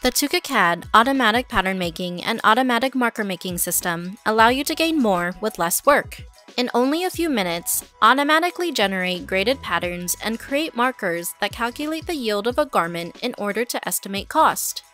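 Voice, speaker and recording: A woman narrates a promotional video in a polished, even, scripted read. Her voice sits fairly high and sounds bright and crisp, with soft music playing behind her. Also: fairly quick. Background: background music.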